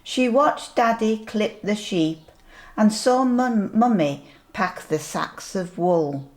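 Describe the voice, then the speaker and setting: A sweet grandmotherly older woman reading a picture book aloud to young children, gently pointing things out as she goes. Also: medium pitch, lively intonation. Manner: slow, deliberate storytelling with asides.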